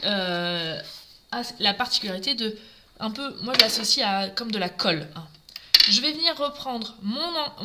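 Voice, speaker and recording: A woman's voice: medium pitch, heavy background noise. A woman giving a live craft demonstration, talking through each step and greeting viewers as she works.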